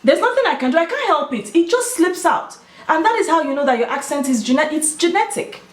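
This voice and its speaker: A video host with a Nigerian Igbo accent talks casually and emphatically to her viewers, sharing her opinions. Her high voice is sing-song and fairly quick, and the recording sounds roomy and echoey.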